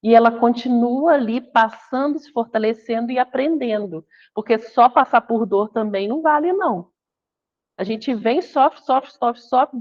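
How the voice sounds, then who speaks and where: Brazilian woman giving a lively spiritist talk. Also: on the high side, highs cut off. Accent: Brazilian Portuguese. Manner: conversational, acts out quoted voices. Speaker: spiritist lecturer.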